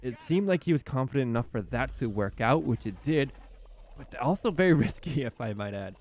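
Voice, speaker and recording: A man casting a live esports match as play-by-play commentator, getting louder and higher at the big plays. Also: brisk. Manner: excitable, rising in pitch and volume at key plays. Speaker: esports caster.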